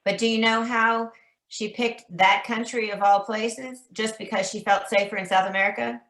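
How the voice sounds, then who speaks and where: A woman's voice: a little high, steady tone, normal speed, a bit bright. A woman interviewing for an oral history project, asking polite, guiding questions. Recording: echoey room.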